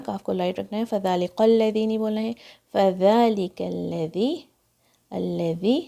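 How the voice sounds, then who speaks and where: Woman, Pakistani Urdu accent, tajweed teacher, patient step-by-step explaining, gravelly, warm. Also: medium pitch. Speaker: Quran recitation teacher. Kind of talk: tajweed lesson, slow demonstrations.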